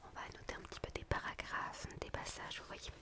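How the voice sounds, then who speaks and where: A woman doing a whispered role-play as a gentle, quirky book therapist, in a hushed library whisper, softly repeating phrases to soothe. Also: brisk. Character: quirky, gentle female book physiotherapist attending a patient. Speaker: ASMR performer playing a book therapist.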